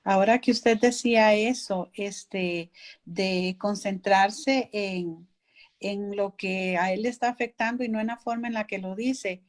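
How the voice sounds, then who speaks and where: A woman's voice: medium pitch, fairly even intonation, unhurried. A woman student asking her teacher a question, hesitating with fillers.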